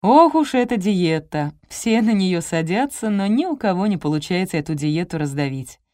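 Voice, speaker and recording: A woman's voice: lowish voice, expressive, moderate pace, warm tone, no room sound, studio quality, natural voice. A woman reading the lines of a teasing, easygoing male friend and colleague in an audiobook.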